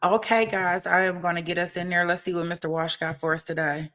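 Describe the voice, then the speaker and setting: A woman's voice: on the low side, level tone, brisk, fairly bright tone. A woman livestream host talking casually to her viewers in colloquial, informal phrasing.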